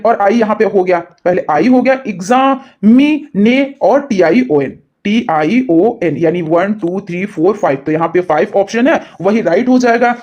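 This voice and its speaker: High-voiced man teaching exam prep. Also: a little mellow. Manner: reads English questions slowly, explains quickly in Hindi. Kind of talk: exam-prep lesson, explaining multiple-choice answers.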